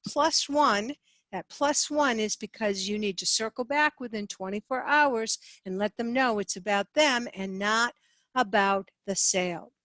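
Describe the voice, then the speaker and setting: A woman teaching a slideshow lesson on sales, lively and expressive, sweeping her voice up and down to show inflection. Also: a little high, measured pace, dry recording. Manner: lively, sings phrases up and down to demonstrate inflection. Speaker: sales trainer.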